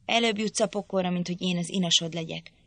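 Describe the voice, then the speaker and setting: Woman reading a sullen rough farm boy. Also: lowish voice, no room sound. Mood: surly. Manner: gruff, muttering.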